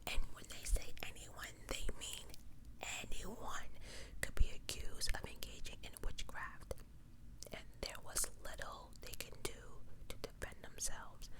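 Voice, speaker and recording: A female ASMR host whispers breathily through a true crime story, keeping her commentary chatty and informal and repeating words for emphasis.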